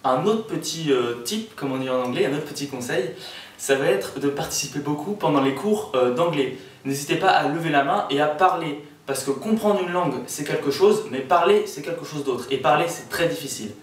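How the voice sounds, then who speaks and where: A man's voice: fairly high pitch, brisk. A young man, a student tutor, giving a casual spoken introduction to a lesson series and encouraging viewers directly. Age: young adult. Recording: very echoey room, mic far off.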